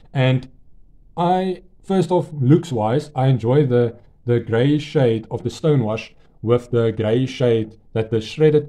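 A man's voice: mid-range voice, dark tone. A man giving an enthusiastic, rambling product review, full of fillers and restarts. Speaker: knife reviewer.

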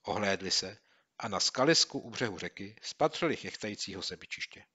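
A man reading a children's book aloud as a narrator, with steady storytelling delivery. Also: fairly low pitch, husky. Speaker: audiobook narrator. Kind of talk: scripted narration.

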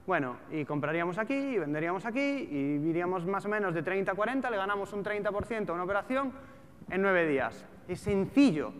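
The recording, made in an echoey hall with background noise, captures a fast-talking man with a high-pitched voice and lively intonation. In his thirties and European Spanish-accented, the trader and trading educator speaks informally to a seated auditorium audience, peppering his talk with rhetorical questions.

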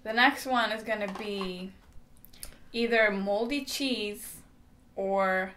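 A woman's voice: mid-range voice, slow pace, slight background noise. A woman in her twenties chatting casually and giggling as she eats gross jelly beans in a taste challenge, recorded at home. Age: 20s. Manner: giggly, animated. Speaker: vlog challenge participant. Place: bright indoor room at home.

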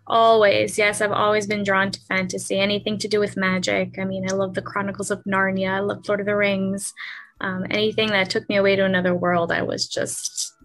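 A woman's voice: mid-range voice, little pitch movement, a bit bright, faint music behind. Laughing young woman author. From Canada. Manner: friendly, laughs often, thoughtful pauses. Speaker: author guest. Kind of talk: podcast interview.

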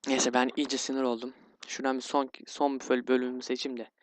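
A man's voice: mid-range voice, completely flat delivery, quick pace. A man commentating his own gameplay, grumbling and getting easily frustrated, with sighs and yelps. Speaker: gaming YouTuber. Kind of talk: let's play commentary.

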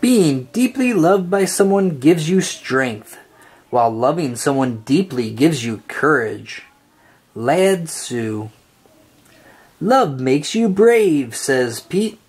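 A storybook reader reads a picture book aloud for children in a husky, mid-range voice that rises and falls in a lively, sing-song manner. The pace is slow, with phrases stretched out for young listeners.

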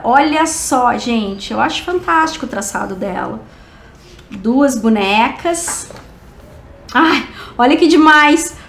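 Brazilian woman host, high and sweet, fond casual review, recorded in a room with an echo. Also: fairly bright tone. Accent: Brazilian Portuguese. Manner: gushing and affectionate, coos over each picture. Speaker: book reviewer and channel host. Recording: roomy echo.

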